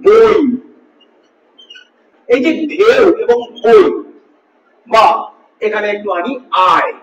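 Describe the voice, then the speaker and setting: Very high-voiced male teacher, echoey and distant. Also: wildly swooping pitch, slow pace, fairly bright tone. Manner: patient, repeats points, asks students questions. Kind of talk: classroom grammar lesson. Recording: echoey room, distant mic, dull lo-fi.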